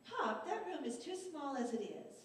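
An actress playing an exasperated middle-aged wife and painter who talks emphatically in a live stage comedy. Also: female voice, high voice, sing-song, normal speed, a little hiss or hum. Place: community theater stage. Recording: echoey hall from far off.

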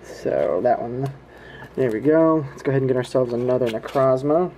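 A man's voice: medium pitch, normal speed, dark tone, slight background noise, rough recording. A man giving casual, laid-back running commentary to viewers in a folksy way, recorded indoors on a home camera. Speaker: host of a trading card pack-opening video. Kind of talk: casual running commentary while opening card packs. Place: indoors at home, hands at a table.

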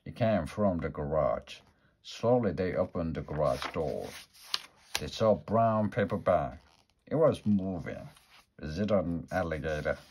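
A man narrating a children's storybook aloud with a low voice. His reading is plain and evenly paced, steady from one sentence to the next. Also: measured pace, a little hiss or hum. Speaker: storybook reader.

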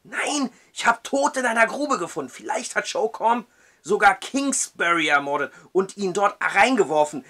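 A man voicing a frantic, terrified young male clerk who pleads urgently in a high, strained voice. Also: lively intonation, a little slow, few pauses. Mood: pleading.

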